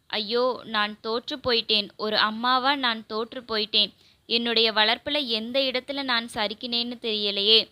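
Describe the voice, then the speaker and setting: A woman's voice: fairly high pitch, steady tone, moderate pace, sharp tone, no echo. A woman voicing a grieving, furious middle-aged mother who scolds and laments. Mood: lamenting.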